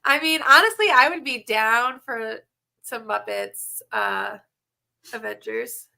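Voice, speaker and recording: A woman co-hosts a casual chat with wry teasing. Her voice is bright and very creaky, a little higher than average. She sounds congested. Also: big pitch swings, slow. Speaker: show co-host.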